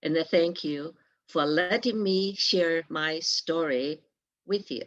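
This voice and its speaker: An older woman from China and Taiwan giving a formal keynote speech in a measured, deliberate way. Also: low-pitched, highs cut off. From born in China, raised in Taiwan. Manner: slow, measured delivery. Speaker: keynote speaker.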